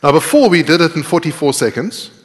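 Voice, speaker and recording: With an expressive, fairly quick voice pitched on the high side, a middle-aged programming instructor gives a live coding talk at a conference, chatting through each step and posing questions to listeners. The indoor tiered auditorium leaves a reverberant echo on the audio.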